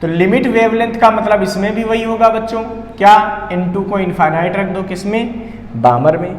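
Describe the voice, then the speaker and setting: A man with an Indian accent teaches a step-by-step physics problem-solving lesson, posing questions and answering them himself while mixing in English technical terms. His voice is high, with a steady tone and moderate pace. The room is echoey and reverberant, with faint background noise.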